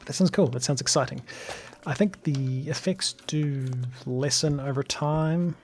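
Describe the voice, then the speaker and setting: A slightly hoarse man giving casual, chatty commentary as he plays a game, thinking aloud. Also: fairly high pitch, unhurried, a little mellow, soft background music. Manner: chatty, thinks aloud with fillers and small laughs. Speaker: let's play gamer.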